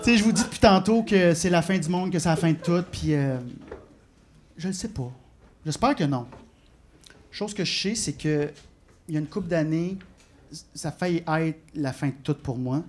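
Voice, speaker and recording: A man's voice: a little high, normal speed, pauses often. A man with a Québécois French accent doing live stand-up comedy, telling self-mocking stories and confiding in the crowd. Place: comedy club stage before a live audience. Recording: live show with loud audience laughter.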